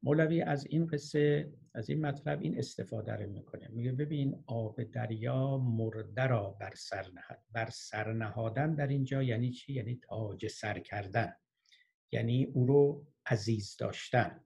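A man giving a lecture, reciting verses slowly and then explaining them in plain conversational speech. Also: medium pitch, gravelly, darkish tone, slightly rough. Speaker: lecturer on classical poetry. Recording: muffled lo-fi recording.

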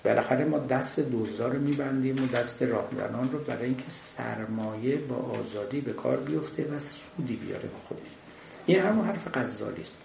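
A man giving a measured lecture, explaining a classic poem with frequent pauses and hesitations. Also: medium pitch, creaky, darkish tone. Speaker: lecturer on the Masnavi. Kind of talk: lecture commentary. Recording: echoey room with faint noise.

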